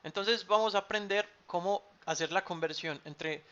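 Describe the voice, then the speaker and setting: A man's voice: high voice, moderate pace, pushed and bright. A man teaching an online math class, patient, repeating key terms and checking with "cierto?". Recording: dull lo-fi sound.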